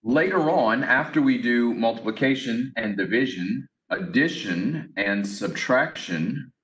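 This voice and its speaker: A man's voice: mid-range voice, a bit bright. A man teaching a casual math lesson, talking through each step with chatty, offhand asides. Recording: echoey room.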